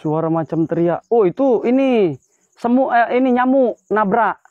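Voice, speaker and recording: A man's voice: sits high, normal speed, dry recording. A man hunting ghosts in a cemetery at night, exclaiming as he points things out, recorded on a phone. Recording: slightly dull lo-fi phone audio.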